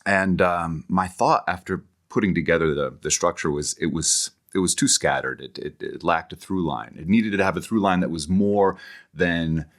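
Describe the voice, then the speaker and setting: As a guest in an interview, this middle-aged academic writer speaks with a low pitch and a fairly bright tone. His explanations are conversational but halting, with repeated words while he works out his thoughts.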